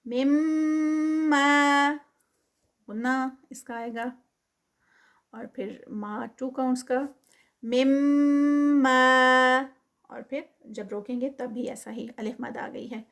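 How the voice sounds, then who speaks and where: A slightly high-pitched woman with a Pakistani Urdu accent gives a recitation lesson. She models each word in a long sung drone, then explains in a steady, careful teaching voice with English terms dropped in. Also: vocal fry.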